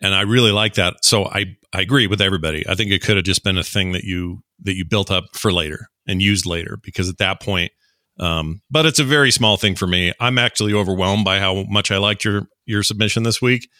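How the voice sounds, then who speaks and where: A man giving a measured, deliberate critique as a judge on a podcast contest. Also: deep voice, bright, forceful tone, no room sound, clean studio sound. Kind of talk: casual critique.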